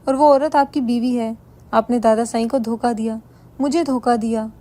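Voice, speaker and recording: A woman voicing a heartbroken young wife who shouts her accusations. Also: a little high, fairly even intonation, close to an everyday voice. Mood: furious.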